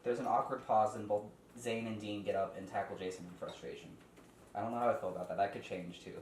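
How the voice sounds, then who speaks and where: A man leads a casual read-through of a script, reading the stage directions and tossing in informal explanations. His lowish, slightly mellow voice moves fast with fairly even intonation, and the space is echoey with faint noise.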